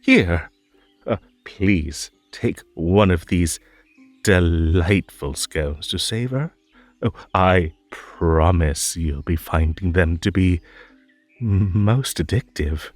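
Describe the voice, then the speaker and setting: A man's voice: deep voice, slow, no echo, faint music behind. A man playing a whimsical, lonely and possessive magical rabbit host in a roleplay audio drama, coaxing theatrically with stammers and nervous giggles. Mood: fussing, insistent.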